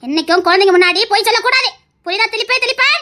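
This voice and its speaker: A woman's voice: very high voice, animated, rapid-fire, bright, forceful tone, full character voice. A woman playing a stern old grandmother who lectures the family, with a Tirunelveli Tamil accent. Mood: lecturing. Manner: scolding, lecturing the youngsters.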